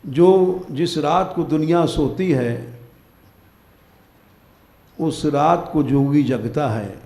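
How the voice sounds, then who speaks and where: In a very slow, dark-toned voice on the high side, an older man speaks as a spiritual teacher at a live temple-hall gathering, the sound roomy. His devotional discourse is an exhortation, firmly ordering listeners to wake up and keep their vows.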